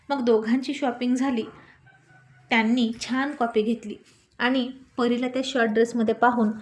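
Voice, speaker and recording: A woman narrating a romantic story in a lively, expressive reading. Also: fairly high pitch.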